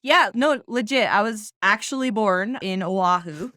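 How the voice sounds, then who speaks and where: A woman's voice: medium pitch, measured pace, bright, forceful tone, no echo, clean studio sound. A woman in her thirties from the United States, a tech founder telling her story as a podcast guest, chatty and self-deprecating with frequent laughs. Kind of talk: casual interview storytelling.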